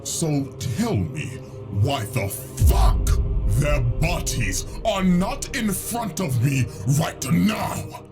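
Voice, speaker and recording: A man putting on the voice of a menacing, gloating male villain, speaking slowly and loudly in a growl. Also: on the high side, big pitch swings, over music, full character voice.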